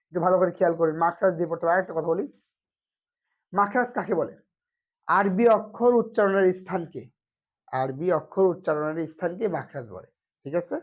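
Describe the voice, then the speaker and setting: In an online lesson on Arabic letters, a Quran reading teacher with a mid-range voice speaks patiently and repetitively, posing questions and answering them, and keeps checking that viewers are following. The recording is dull and lo-fi.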